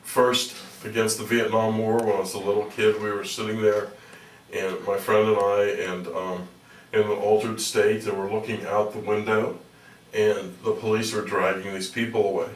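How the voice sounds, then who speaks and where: A middle-aged American man telling stories as a radio interview guest, rambling and halting with dry humor. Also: lowish voice, little pitch movement. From Pittsburgh, United States. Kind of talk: conversational radio interview storytelling. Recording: echoey room, distant from mic.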